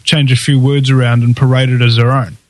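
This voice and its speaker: A man's voice: medium pitch, level tone, fairly quick, a little mellow, no echo. A man with a broad New Zealand accent talking casually and opinionatedly, with a sarcastic way of acting out imagined dialogue.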